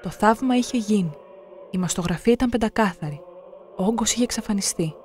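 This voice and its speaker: A narrator reading scripted documentary passages in a measured, solemn way. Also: mid-range voice, darkish tone, a little hiss or hum.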